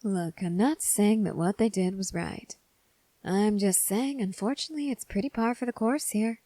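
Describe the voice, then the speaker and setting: A woman playing a cynical, taunting gang member in an ASMR role-play, speaking in a sardonic, teasing, unhurried way. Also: medium pitch, dark tone, dry recording, close to an everyday voice. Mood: sardonic, ominous.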